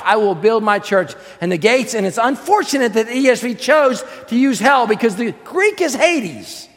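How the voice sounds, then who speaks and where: The church sanctuary echoes with a long reverb as a pastor with a strikingly high-pitched voice preaches fervently. He speaks calmly and quickly while teaching, then drops his pace and shouts out his key lines.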